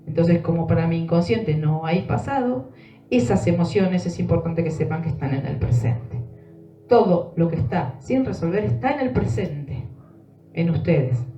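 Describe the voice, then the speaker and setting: A woman's voice: mid-range voice, dark tone. A woman with an Argentine accent talking to a live group about emotions, earnest and emphatic, often checking in with her listeners. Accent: Argentine Spanish. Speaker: speaker leading an emotional workshop. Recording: dull, roomy sound from a distant mic.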